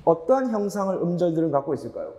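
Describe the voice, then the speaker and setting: 에코가 울리는 강의실의 남자 강사. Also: male voice, on the high side, very animated, quick pace, mellow, roomy sound, big-room sound. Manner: rhetorical questions to students, emphatic repetition. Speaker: Korean grammar teacher. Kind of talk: lecture.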